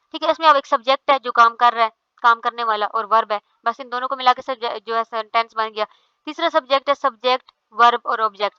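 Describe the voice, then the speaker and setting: Woman lecturer, slightly high voice, explains step by step. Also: pushed and bright, clear, resonant tone, no echo, muffled recording. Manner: explains step by step, often says "theek hai".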